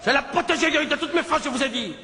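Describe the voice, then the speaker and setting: A man telling a comic story on stage in broken, childlike French, breaking into sudden shouts. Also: extremely high pitch, fast talker. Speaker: comedian. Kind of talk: stand-up storytelling. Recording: live show with audience laughter and background noise. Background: audience laughing.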